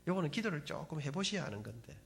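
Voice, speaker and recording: A man's voice: a little high, quick pace, vocal fry. A middle-aged man with a Gyeongsang Korean accent, giving a church testimony as dramatic storytelling to the congregation. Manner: animated dramatic storytelling, addresses audience. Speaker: speaker giving a faith testimony.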